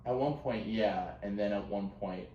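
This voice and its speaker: A man's voice: lowish voice, moderate pace, mellow, distant mic, lo-fi sound. A man co-hosting a podcast, chatting casually with wry, crude jokes and bursts of laughter. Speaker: podcast co-host. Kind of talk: casual chat. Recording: echoey room, somewhat off-mic, faint noise.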